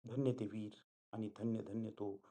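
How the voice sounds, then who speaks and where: A man's voice: fairly low pitch, steady tone, a little slow, dark tone. A man reading a history story aloud in an earnest, dramatic way, voicing the characters' lines. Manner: earnest, dramatic retelling with voiced quotes.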